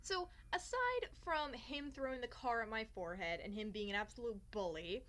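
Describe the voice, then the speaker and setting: A young woman vlogger with a fairly high, slightly bright voice and lively intonation speaks at a moderate pace. Talking to camera, she tells a personal story in a casual, theatrical storytime style, dropping sarcastic, self-mocking asides.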